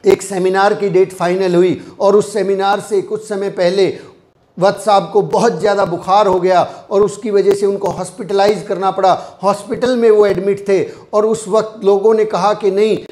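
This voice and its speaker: Guy with a high voice doing a pumped up sales team training talk, keeps hammering the same line. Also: little pitch movement, moderate pace, darkish tone. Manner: emphatic, repeats key lines as refrains. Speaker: network marketing trainer.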